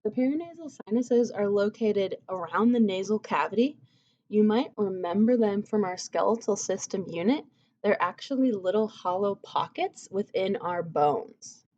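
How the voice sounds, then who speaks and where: This recorded anatomy lecture comes from a woman whose mid-range voice has a darkish tone. She explains in a relaxed, chatty manner with frequent "um" and "like," and the sound is a bit dull and lo-fi.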